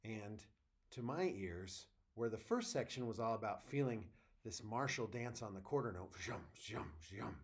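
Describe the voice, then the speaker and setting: A man who teaches trumpet at a university, explaining audition preparation step by step in a clear, methodical teacher's manner. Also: fairly low pitch, lively intonation, normal speed. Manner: sings musical phrases in scat syllables to demonstrate. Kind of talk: instructional video on audition preparation.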